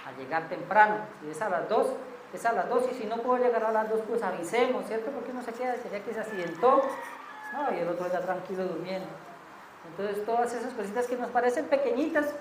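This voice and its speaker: A woman leading a church Bible study, talking in a conversational way and often checking in with her listeners. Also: medium pitch. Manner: conversational, asks the group "¿cierto?" often. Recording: echoey room with faint noise.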